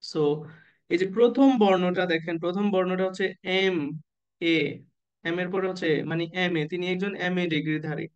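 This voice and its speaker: High-voiced man teaching an online class. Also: highs cut off. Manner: asks the class questions and waits for answers; slow, drawn-out spelling of letters and abbreviations. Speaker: nursing admission exam tutor.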